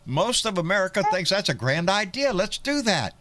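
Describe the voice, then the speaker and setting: Texan host with a country twang, slightly high and dry, swears freely and stumbles over restarts. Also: male voice, sing-song, moderate pace, fairly bright tone, no room sound. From Texas. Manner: folksy, profane, many restarts. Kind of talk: live political call-in chat.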